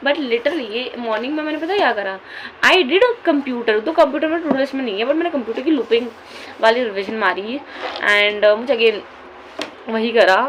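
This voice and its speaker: A woman's voice: fairly high pitch, normal speed, a little hiss or hum. A teenage girl with an Indian accent chatting casually in a study vlog, mixing Hindi and English and mocking herself. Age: teens. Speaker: student vlogger.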